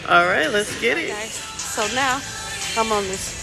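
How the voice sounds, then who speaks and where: A woman's voice: a little high, vocal fry, rough recording. A woman vlogging casually on a handheld phone in a large indoor gym. She is chatty, laughs at herself and swears casually. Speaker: lifestyle vlogger. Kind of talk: casual vlog talk to camera. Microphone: handheld phone close up.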